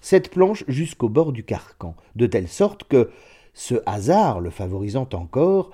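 A man narrating a literary story in a measured, deliberate way. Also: mid-range voice, very animated, mellow, breathy edge.

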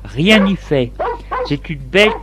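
A man reading a story aloud in a slow, deliberate way. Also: on the high side. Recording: steady background noise.

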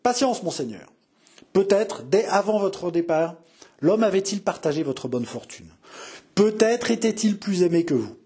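A husky-voiced man voicing a scheming younger noble brother who speaks in a sly, mocking, hissing tone. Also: high voice, sing-song, unhurried, warm tone, voice pushed up, full character voice. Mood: insinuating.

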